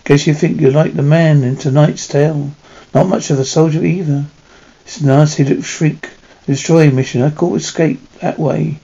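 A sneering, ghoulish horror-show drill sergeant, acted out by a man. The voice is creaky and rough, mocking and bullying, on a slightly dull recording. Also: a little high, fairly even intonation, normal speed, mellow. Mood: sly, mocking. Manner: barking insults, mocking.

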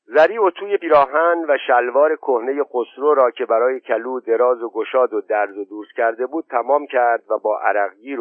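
Man, audiobook narrator, steady measured reading, thin telephone-like sound, dry close recording. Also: medium pitch, dry recording. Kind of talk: scripted novel narration. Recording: tinny narrow-band, dry.

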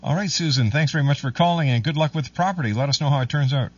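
A man with a husky voice hosting a live radio call-in show in a courteous, formal manner. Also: on the high side, rapid-fire, a little hiss or hum. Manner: courteous, formal, calls callers dear. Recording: dull, distant-sounding radio audio.

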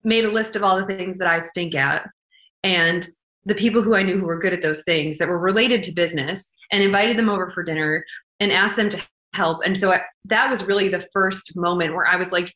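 Woman startup founder in an interview, candid tech founder talk w/ lots of jargon, medium pitch, echoey room. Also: a bit bright. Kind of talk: conversational interview. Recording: roomy, echoing sound.

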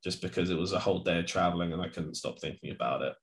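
A man's voice: deep voice, rapid-fire, creaky. A man co-hosting a podcast, chatting casually about football, rambling with lots of restarts and fillers. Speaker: podcast co-host.

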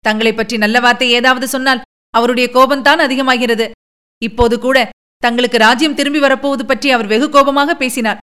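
Sad young princess, fairly high voice, plaintive and teary, woman reading. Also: steady tone, a little fast, a bit bright, clear, resonant tone, close to an everyday voice. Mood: anxious. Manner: plaintive, sorrowful pleading. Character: young princess, tearful and fearful.

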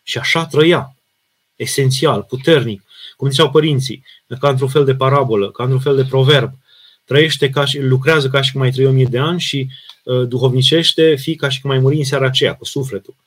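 A Romanian priest answering viewers' questions in a live sermon, earnest and emphatic, with frequent restarts and fillers. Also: male voice, mid-range voice, slightly rough. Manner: reads out viewer questions and answers them plainly.

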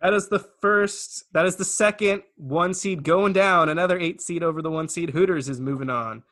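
Guy hosting a podcast, kinda high bright voice, calls out the matchups, blunt takes. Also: normal speed. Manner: announces matchups, blunt opinions. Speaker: podcast host running the bracket. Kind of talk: casual podcast chat.

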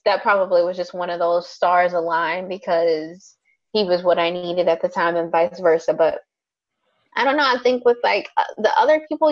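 A woman in her thirties talks through a casual podcast chat, frank and rambling and quick to swear. Her pitch sits in an ordinary middle range. The recording sounds somewhat dull and lo-fi. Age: 30s. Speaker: podcast co-host.

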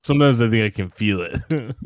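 A man's voice: medium pitch, a little fast, no echo. A young man co-hosting a podcast, chatting casually and profanely about movies in a rambling, laid-back way. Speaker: podcast co-host. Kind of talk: casual movie-review chat.

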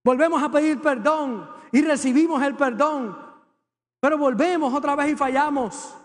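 Pastor preaching, really high voice for a guy, fervent then hushed, big echoey sanctuary. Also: moderate pace. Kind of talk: sermon. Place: church sanctuary with congregation. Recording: long hall reverb.

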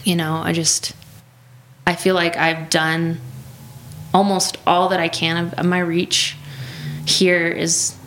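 A woman's voice: on the low side, little pitch movement, slow pace, pauses often, a bit bright, slight background noise. A woman in her thirties talking casually as a podcast host, sharing personal testimony in a church prayer room. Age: 30s.

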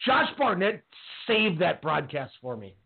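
A man's voice: high voice, sing-song, unhurried, vocal fry, slightly rough. A man co-hosting a wrestling podcast, ranting in heated casual talk. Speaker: podcast co-host. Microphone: call-in radio line. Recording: tinny phone-line audio.

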